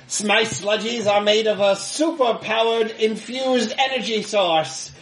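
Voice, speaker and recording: A man's voice: sits high, a little slow, fairly bright tone, roomy sound, distant mic, voice pushed up, poor audio. A man doing a shrieking villain industrialist. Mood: gloating. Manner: shrieking, blustering threats. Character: ranting villainous male industrialist.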